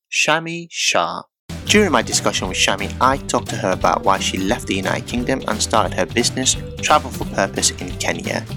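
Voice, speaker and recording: A man hosting an interview podcast, introducing the show and asking questions in a relaxed, conversational way. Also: medium pitch. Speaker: podcast host.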